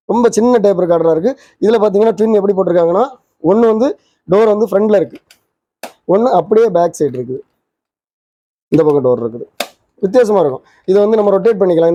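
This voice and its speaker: On his channel, a man with a high, warm voice casually demos a vintage twin-cassette tape recorder, moving quickly and pointing out its parts as he goes. The recording is dry, with a dull lo-fi sound.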